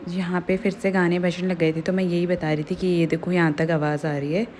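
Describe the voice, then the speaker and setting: A young woman vlogging casually to the camera, chatty and exasperated, sometimes speeding up in quick bursts. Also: on the low side. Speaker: family vlogger. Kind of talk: casual talk to the camera, explaining her clips. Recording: noisy recording with steady background noise.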